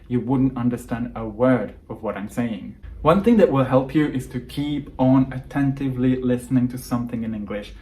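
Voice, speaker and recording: A young native Hungarian speaker delivers a scripted monologue, calmly and earnestly advising people learning English. His voice sits at a medium pitch, and the recording is rough.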